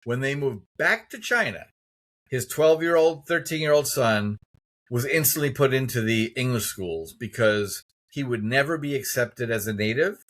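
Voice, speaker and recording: A fifties-aged American man hosting a conversational interview podcast tells stories emphatically and with strong opinions. His mid-range voice is fairly bright, with lively intonation and a normal speed.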